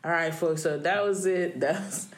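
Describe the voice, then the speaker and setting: A man's voice: on the high side, moderate pace, slight background noise. A man co-hosting a casual podcast, laid-back and laughing. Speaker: podcast co-host. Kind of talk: casual chat. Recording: echoey room.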